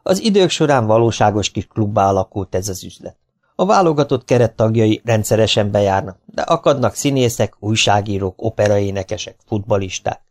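A man's voice: on the low side, lively intonation, darkish tone. A man reading a memoir aloud as an audiobook, in a dry, wry storytelling manner. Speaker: audiobook reader.

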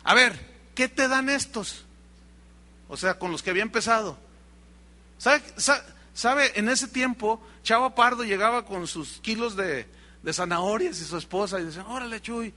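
Mexican pastor guy preaching, high voice, really bright and cutting, acts out the people in his story. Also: moderate pace. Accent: Mexican Spanish. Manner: storytelling, acts out quoted dialogue, addresses congregation directly. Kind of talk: sermon.

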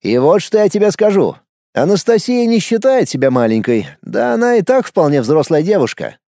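A man's voice: sits high, very animated, moderate pace, warm tone, dry recording, studio quality, voice pushed up. A man voicing a sly, smug young know-it-all. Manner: sarcastic, insistent, teasing. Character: smug, nosy young man, self-styled ladies' expert.

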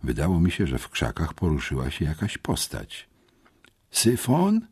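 A man narrating a children's adventure audiobook in an expressive, dramatic storytelling manner. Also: extremely low pitch, normal speed, slightly rough, no echo. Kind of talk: scripted first-person storybook narration.

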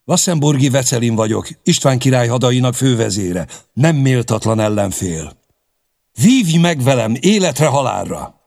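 A man voicing a loud boastful knight. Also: medium pitch, animated, vocal fry, pitched above the performer's own voice. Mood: challenging. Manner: loud, proud challenge. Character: boastful armored knight, commander, adult man.

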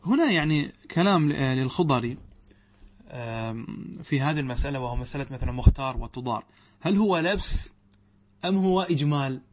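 A man's voice: mid-range voice, animated, brisk, long pauses. A middle-aged man, a sheikh teaching Arabic grammar in a lesson, explaining step by step and asking his students questions before answering them. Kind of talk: classroom lesson commentary.

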